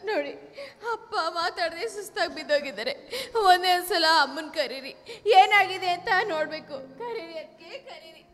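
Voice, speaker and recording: A woman's voice: extremely high pitch, normal speed, long pauses, fairly bright tone. A woman playing a devoted young daughter in a village stage drama, crying and pleading tearfully. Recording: stage recording with music behind.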